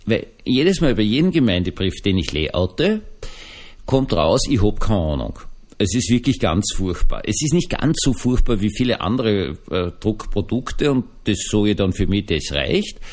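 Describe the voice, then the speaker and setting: An Austrian man, a Protestant pastor, chats to his online audience in a loose, folksy way, circling back on his points. His voice sits a bit low but moves about very expressively. He speaks as someone who has only just recovered from an illness. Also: very animated, moderate pace, a little mellow. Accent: Austrian German. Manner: chatty, rambling, folksy, addresses listeners directly. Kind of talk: casual spoken podcast reflection.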